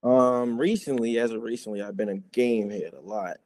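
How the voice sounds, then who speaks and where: This young man, a college football player from the Chicago area, has a mid-range voice and talks at a normal speed. As a guest in a casual interview, he stays relaxed and laid-back, often trailing off softly.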